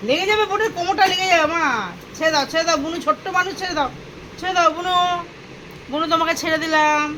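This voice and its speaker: A woman talks to her dogs in coaxing, sing-song baby talk. Her voice sits high. The home recording is noisy, with dogs heard around her. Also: fairly even intonation, a little fast, long pauses. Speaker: pet owner. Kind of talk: casual home vlog, talking to pets.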